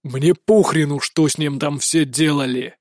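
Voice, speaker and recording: A man's voice: a little high, fairly even intonation, a little slow, no room sound, clean studio sound, voice pushed down. A man doing a stern, barking aristocrat father. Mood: angry. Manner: harsh, barking. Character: stern, domineering middle-aged prince and father.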